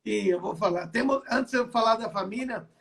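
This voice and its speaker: An older apostle and pastor from southern Brazil gives his testimony in an online interview from home, repeating himself and restarting phrases. His high, gravelly voice has a fairly bright tone and moves a little fast.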